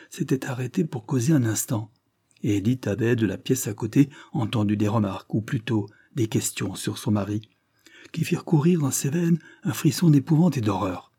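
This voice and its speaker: A man narrating a classic novel as an audiobook, in a measured, even delivery. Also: mid-range voice, slightly rough.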